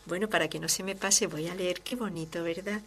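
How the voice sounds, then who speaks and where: Religious sister, host, fervent and expressive, reads listener mail warmly. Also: female voice, fairly low pitch, a little fast, slight background noise. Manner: fervent, expressive, swings from loud to hushed. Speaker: religious sister hosting a devotional program. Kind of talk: devotional talk and reading listener letters.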